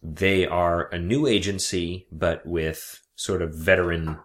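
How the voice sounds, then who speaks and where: A man's voice: deep voice, takes it slowly. A young man, an actor, chatting casually and rambling about his work with frequent laughs. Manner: relaxed, rambling, laughs often. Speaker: actor guest. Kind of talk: casual chat.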